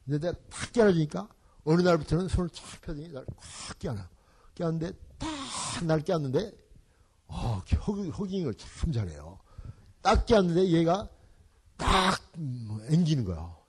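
Husky, lively older man telling stories. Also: a little high, normal speed. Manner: animated storytelling, acting out family scenes, dropping in English phrases. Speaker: church elder giving a parenting seminar. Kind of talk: seminar talk with storytelling.

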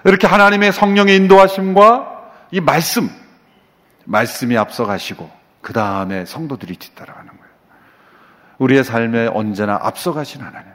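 A Korean man preaching a sermon as pastor, lively and full of rhetorical questions to the congregation. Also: mid-range voice. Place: church sanctuary. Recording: long reverb of a large church hall.

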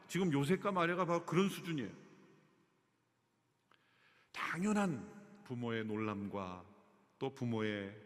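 A man preaching a sermon as pastor, animated and acting out quoted lines. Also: medium pitch. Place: church sanctuary. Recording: long hall reverb.

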